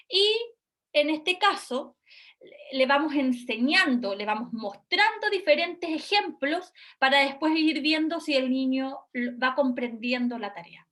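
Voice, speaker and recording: A woman's voice: sits high, fairly bright tone. A woman giving a recorded university lecture, explaining step by step and checking in with her students. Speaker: university lecturer in speech therapy.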